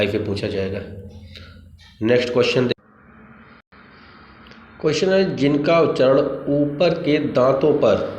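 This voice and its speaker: A man's voice: mid-range voice, darkish tone. A male teacher giving an exam-prep grammar lesson, asking questions and answering them himself. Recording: echoey room, dull lo-fi sound, faint background noise.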